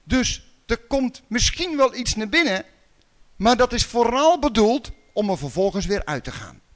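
A man from the Netherlands preaching a sermon in a conversational way, with rhetorical questions and sudden loud calls. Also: very high voice, sing-song, a little slow.

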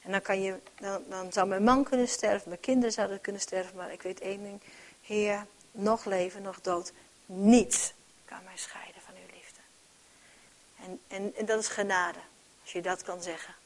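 A woman preaching a sermon with earnest conviction. She moves between soft near-whispers and loud emphatic calls, and repeats words as she restarts. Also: medium pitch, fairly even intonation, moderate pace.

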